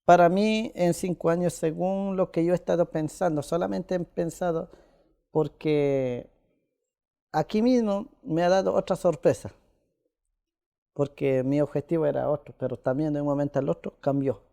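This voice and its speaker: Soft-toned man. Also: fairly high pitch, steady tone, creaky. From Ecuador. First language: Quichua. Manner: halting, with many pauses and "eh" fillers. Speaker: interviewee. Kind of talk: casual conversation.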